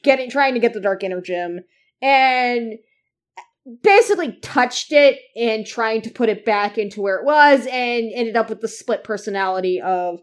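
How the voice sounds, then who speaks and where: On a casual fan podcast, a female co-host talks at a normal speed in a voice on the high side. Her delivery rambles, packed with fillers like "like" and "uh."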